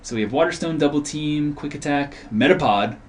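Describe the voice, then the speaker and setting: A man's voice: a little high, brisk, a little hiss or hum. A man co-hosting a casual card game video, explaining card rules at length and thinking aloud about his picks. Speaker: co-host drafting cards.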